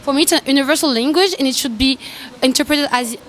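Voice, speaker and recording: A woman from Congo, not a native English speaker, arguing her point in a debate with frequent pauses and searches for words. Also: high-pitched, a bit bright. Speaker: debate participant. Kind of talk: street debate.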